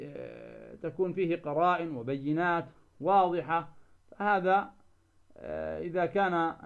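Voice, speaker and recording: A man teaching a lesson on recitation rules. He asks the class questions for them to finish and slows down to sound out example words. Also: sits high. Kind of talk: tajweed lesson explaining a didactic poem. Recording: dull lo-fi recording.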